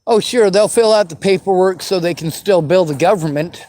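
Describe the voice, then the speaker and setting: A man in his forties from the western United States vents on his vlog, answering viewer questions with bitterness and profanity in an angry unscripted monologue. His high-pitched voice is a little mellow and moves at a moderate pace; the audio is poor.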